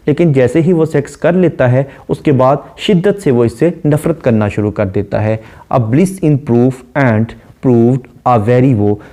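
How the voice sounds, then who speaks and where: A man's voice: medium pitch, warm tone. A man, lecturing on a poem and explaining its lines step by step. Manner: reads verse lines slowly, then explains in measured prose. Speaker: literature lecturer.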